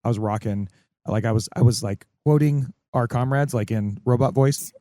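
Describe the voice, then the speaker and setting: Man, podcast host, casual rambling sports chat, warm mellow tone, dry sound. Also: mid-range voice, moderate pace, no room sound. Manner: loose, rambling, frequent likes and fillers.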